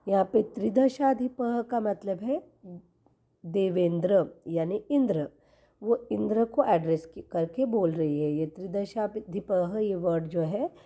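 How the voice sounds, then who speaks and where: A woman teaching Sanskrit word by word, explaining each term slowly in Hindi and English. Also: medium pitch, dark tone. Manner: slow, explanatory, repeating each word's meaning.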